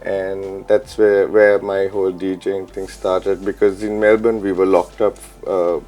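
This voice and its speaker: A man in his thirties from Sri Lanka, a chef and DJ, answering interview questions in a relaxed, reflective way with many ums and uhs, on a lapel mic in a studio. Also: low-pitched, a little slow, faint music behind. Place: studio set with pink backdrop.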